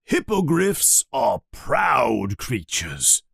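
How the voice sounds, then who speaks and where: A man reading the lines of a big, kindly male giant teacher, who gives slow, coaxing instructions. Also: mid-range voice, wildly swooping pitch, vocal fry, fairly bright tone, breathy edge, no room sound, studio quality, full character voice. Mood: instructing.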